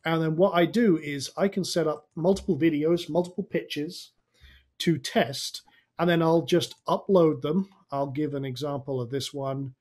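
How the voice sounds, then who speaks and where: Casual man with a slightly raspy voice. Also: fairly high pitch, fairly even intonation, normal speed, a little mellow. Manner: informal, thinking aloud. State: tired. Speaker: online marketing coach. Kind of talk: casual screen-share tutorial.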